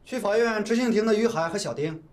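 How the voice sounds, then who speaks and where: An actress playing a stern, fast-talking court officer. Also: female voice, mid-range voice, a little mellow, lightly acted. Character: firm woman court officer, stern and lecturing.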